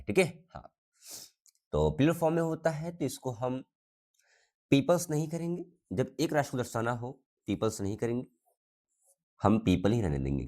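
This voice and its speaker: A man's voice: medium pitch, darkish tone. A man teaching a grammar lesson, asking the class questions and repeating the answers, coughing now and then.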